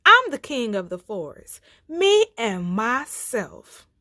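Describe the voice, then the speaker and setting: Woman playing storybook lion king, male, loud, roaring, bossy, boastful, swooping pitch. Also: big pitch swings, slow pace, no echo, studio quality, heavily acted. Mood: imperious. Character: boastful, bullying male lion, self-proclaimed forest king.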